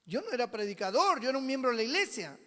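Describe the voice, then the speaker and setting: High-voiced pastor in a reverberant church. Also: male voice, sing-song, quick pace. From Peru. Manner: dramatic storyteller, swings between loud and hushed. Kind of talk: sermon with personal testimony. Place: church sanctuary. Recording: long reverb of a church hall.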